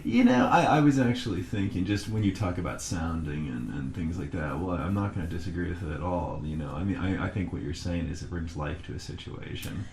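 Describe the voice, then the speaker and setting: A man interviewing a family member in a casual conversation, reminiscing and gently prompting with questions. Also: sits low, fairly quick, hardly any pauses. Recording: roomy recording with faint noise.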